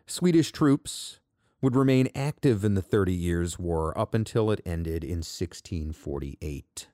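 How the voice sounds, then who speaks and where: A man's voice: sits low, animated, unhurried, warm tone, no echo, clean studio sound. A man giving a scripted history narration and reading long quoted passages aloud with rising energy.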